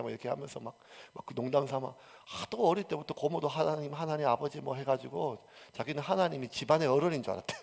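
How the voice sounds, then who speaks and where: A male pastor from South Korea, preaching a sermon that swings from loud emphasis to near-whispered asides. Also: mid-range voice, creaky, husky.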